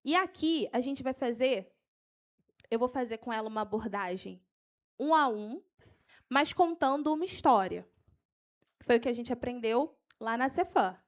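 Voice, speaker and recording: A high-pitched woman teaches evangelism to a church group. She speaks with fervent energy, pushing her voice upward when she gets excited, then slowing down deliberately so listeners can note down verses. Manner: animated, gets carried away, then slows down to dictate verses. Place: church hall.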